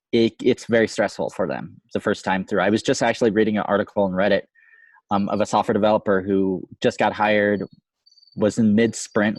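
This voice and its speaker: A lowish male voice talking loosely in a podcast chat, full of ums and restarts. The mic gain is too high, so every word comes through fuzzy and clipped with distortion. The sound is close and dry, with no room around it. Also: a little mellow, no room sound. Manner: chatty, loose, many fillers and restarts. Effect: distorted overloaded mic, fuzzy clipping. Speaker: podcast co-host. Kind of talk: casual chat.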